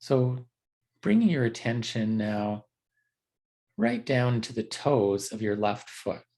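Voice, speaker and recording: A man teaching a guided body scan uses a mid-range voice with big pitch swings. He speaks gently and at an unhurried pace, halting often in an improvised way.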